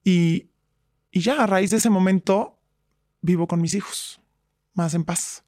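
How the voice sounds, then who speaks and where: Speaking slowly in a warm, fairly low voice, this middle-aged interview guest shares an earnest personal testimony. She re-enacts old arguments by playing both parties, and the studio recording is clean with no room sound.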